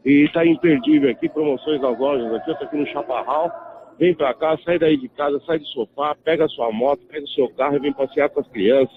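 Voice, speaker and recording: A man's voice: on the high side, fairly quick. A man calling in live over the phone as a radio field reporter, talking up a street promotion and inviting listeners out. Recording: tinny phone line.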